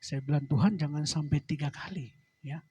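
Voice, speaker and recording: Husky middle-aged male pastor testifying. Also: fairly high pitch, fairly quick. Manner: tags phrases with a soft trailing "saudara, ya". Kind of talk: sermon testimony. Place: church.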